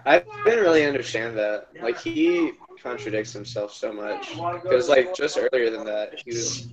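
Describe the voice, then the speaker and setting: A man's voice: medium pitch, normal speed, dull audio. A teenage man on a video call, rambling and full of fillers. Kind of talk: casual video-call book discussion. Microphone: laptop on a video call.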